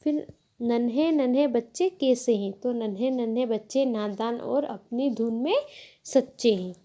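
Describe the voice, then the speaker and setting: Woman teacher, patient step-by-step lesson voice, mellow tone, unhurried delivery. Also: a little high, highs cut off. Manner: slow, patient, explains step by step, self-corrects. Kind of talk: Hindi grammar lesson.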